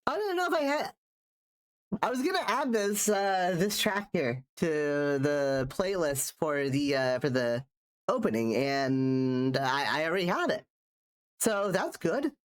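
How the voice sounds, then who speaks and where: A streamer and artist chats casually while drawing live, his smooth, slightly high voice swinging widely in pitch at a measured pace. He rambles and restarts sentences, sounding nasal from a cold.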